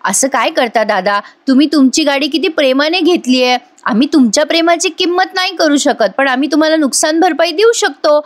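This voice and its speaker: A woman voicing a high, coaxing young wife. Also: a little fast, few pauses, natural voice. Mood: insistent. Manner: coaxing, pleading, sisterly. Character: sweet-talking young wife, calm and persuasive.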